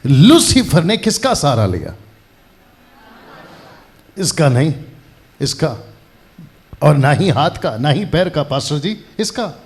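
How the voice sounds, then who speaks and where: A man preaching a lively sermon to a church audience, quizzing the crowd and repeating phrases for emphasis. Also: fairly high pitch, takes it slowly, long pauses. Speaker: pastor. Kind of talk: lively sermon to a live congregation.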